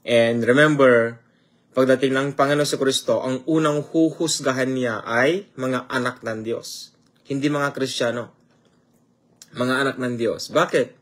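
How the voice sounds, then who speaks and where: A man's voice: medium pitch, a bit bright. A man preaching a sermon, firing rhetorical questions at his listeners and mixing English phrases into his talk. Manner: greets viewers by name mid-sermon.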